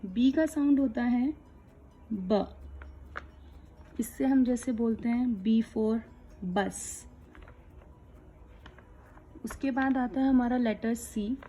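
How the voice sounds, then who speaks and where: A woman teaching young children letter sounds, explaining each one slowly and clearly. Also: a little high, mellow. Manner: slow, clear, patient explaining. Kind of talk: kids' phonics lesson.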